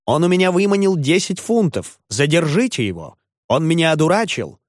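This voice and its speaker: A man doing a frantic duped gentleman. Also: a little high, sing-song, normal speed, no echo, clean studio sound, voice pushed up. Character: agitated middle-aged gentleman duped, raving.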